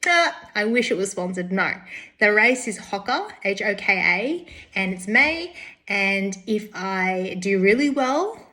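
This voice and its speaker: A woman's voice: mid-range voice, expressive, measured pace, pushed and bright, no room sound, rough recording. Upbeat woman vlogging her running. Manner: chatty, upbeat and self-encouraging. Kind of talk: casual vlog chat to camera. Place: outdoors and in a car after a run.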